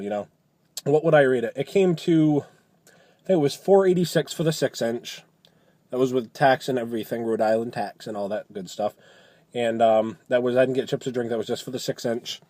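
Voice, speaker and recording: A man's voice: mid-range voice, brisk, warm tone, no room sound. A man giving a casual, chatty food review, talking loosely and often rephrasing as he goes.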